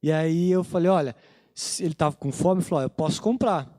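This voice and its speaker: A Brazilian-accented male pastor with a rather high voice, preaching in a church. He tells his sermon like a casual story, recounting family conversations. The sound is close and dry, with little room echo. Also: fairly quick, mellow.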